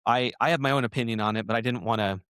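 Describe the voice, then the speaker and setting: A man's voice: medium pitch, very fast, fairly bright tone, clear, resonant tone, dry recording, studio quality. Man hosting, hesitant thoughtful questions. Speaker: podcast host. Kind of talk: conversational podcast interview.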